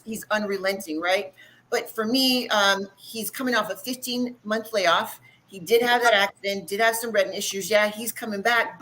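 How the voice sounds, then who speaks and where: A woman's voice: medium pitch, sharp tone, low-quality recording. A woman giving conversational fight analysis as a panelist, informal and often checking in with the listener. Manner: informal, checks in with "right" and "you know". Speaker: former boxer, panelist.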